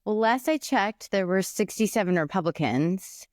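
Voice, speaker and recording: Lively woman telling a podcast story. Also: medium pitch, normal speed, no room sound, clean studio sound. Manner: lively storyteller, laughs easily. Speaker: podcast co-host and state lawmaker. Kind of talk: casual political chat.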